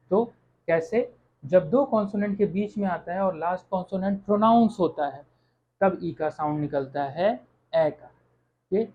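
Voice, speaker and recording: In an online language lesson, a teacher with a middle-pitched voice works through French vowel sounds one at a time, repeating each word several times. The pace is slow and patient, with "okay" said after each point, and the recording sounds dull and lo-fi.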